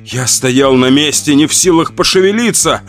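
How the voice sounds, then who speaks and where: A man's voice: fairly high pitch, expressive, moderate pace, faint music behind. Man narrating a horror audiobook. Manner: somber, tense storytelling. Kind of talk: dramatic first-person audiobook narration.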